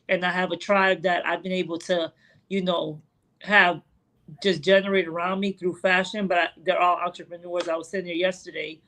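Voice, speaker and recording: A woman's voice: on the low side, a bit bright, low-quality recording. A woman in her late forties talking reflectively on a podcast, with many "you know" fillers. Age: 40s. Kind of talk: casual podcast conversation.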